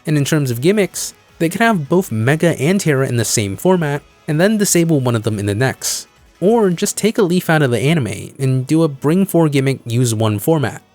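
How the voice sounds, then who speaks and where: A man's voice: on the high side, animated, moderate pace, a little mellow, no echo. A man presenting scripted video-essay commentary in an explanatory way, leaning on key phrases for emphasis. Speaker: video creator and host. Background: background music.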